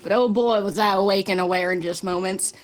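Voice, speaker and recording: A woman's voice: medium pitch, fairly even intonation, a little fast, soft background music, close to an everyday voice. A woman playing an earnest, folksy navy soldier giving a grave 1940s war broadcast interview. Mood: grave, resolute. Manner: folksy, earnest, polite military address. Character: grave, devout, patriotic World War Two navy soldier.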